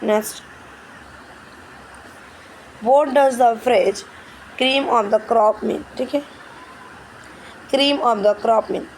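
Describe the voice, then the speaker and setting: A woman's voice: fairly high pitch, vocal fry, a little mellow, slight background noise, low-quality recording. A woman teacher explaining English grammar questions in Hindi, stepping through each answer and often checking with "ठीक है". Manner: reads English questions slowly and carefully.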